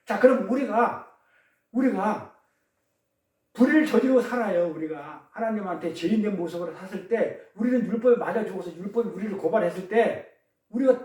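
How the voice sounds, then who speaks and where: Male pastor, high voice, lively call-and-response sermon, distant mic, roomy echo. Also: fairly quick. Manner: questions the congregation, call-and-response; tells pun riddles. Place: church service. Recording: echoey room, distant mic.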